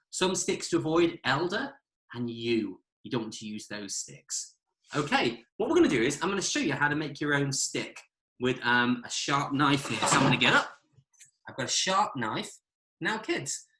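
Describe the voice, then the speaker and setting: A British forest school instructor, his voice fairly high, sharp and husky, gives a live cooking demonstration beside an outdoor campfire. He speaks in a friendly, instructive way to the children watching him.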